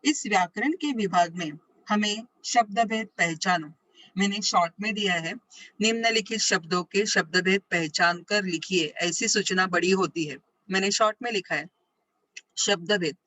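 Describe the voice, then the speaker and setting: Bright-voiced woman teaching grammar. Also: medium pitch, normal speed, a little hiss or hum, rough recording. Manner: explains step by step, asks questions and answers them herself; rephrases points again and again. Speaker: school Hindi teacher. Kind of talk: recorded grammar lesson.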